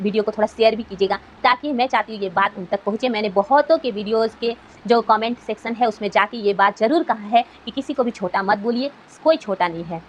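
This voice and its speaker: A woman's voice: fairly high pitch, a little hiss or hum, rough recording. A woman YouTuber giving an earnest motivational talk to fellow creators, asking rhetorical questions as she goes.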